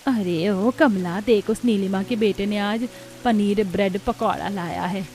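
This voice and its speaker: A woman's voice: mid-range voice, a little slow, darkish tone, lightly acted. A woman voicing a spiteful, gossiping neighbor woman who taunts shrilly.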